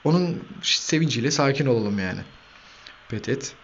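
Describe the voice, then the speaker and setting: A man commentates his own football video game match in a casual, excitable way, yelling out player names and swearing at his players. His pitch sits in an ordinary middle range. The recording sounds a little dull, with a faint hiss underneath. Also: moderate pace. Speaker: gaming channel host.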